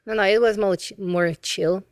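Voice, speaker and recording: A woman's voice: medium pitch, fairly even intonation, moderate pace, no room sound. A woman from southern Russia with a Russian accent, a podcast guest giving short, dry, blunt answers in casual chat.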